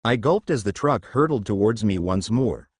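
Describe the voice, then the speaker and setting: A man narrating a first-person fan fiction story in an expressive storytelling manner. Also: lowish voice, normal speed, husky, dry recording, studio quality.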